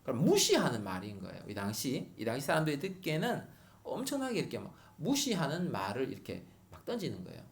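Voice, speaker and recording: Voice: mid-range voice, huge pitch swings, quick pace, vocal fry. A middle-aged pastor preaching a sermon at a Friday prayer meeting, repeating key words for emphasis.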